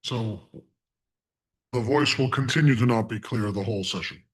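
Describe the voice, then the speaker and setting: Lecturer on a video call, his voice masked by a voice changer. Measured, explanatory delivery with a dry edge. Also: fairly low pitch. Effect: voice changer disguising his voice. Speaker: guest lecturer. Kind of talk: online class lecture.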